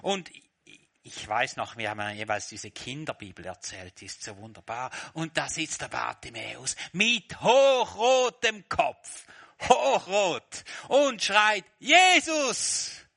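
Male preacher, unhurried sermon that swings between hushed and loud passages. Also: mid-range voice, very animated, creaky. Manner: swings from quiet reflection to loud, shouting retellings.

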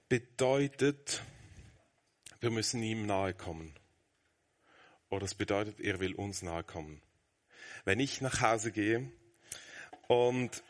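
A man in his thirties preaching a sermon, earnest, moving between brisk explanation and a soft, hushed near-whisper. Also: on the low side.

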